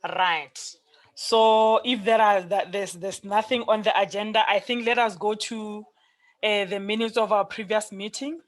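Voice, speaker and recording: Halting meeting chair, repeats words. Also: mid-range voice, steady tone. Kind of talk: formal online meeting chairing.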